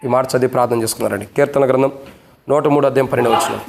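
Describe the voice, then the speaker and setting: A man's voice: mid-range voice, steady tone, very fast, creaky, a little hiss or hum. A man preaching a fervent sermon as pastor at a church service. He hammers the congregation with repeated rhetorical questions and stern warnings. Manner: scolding, warning tone.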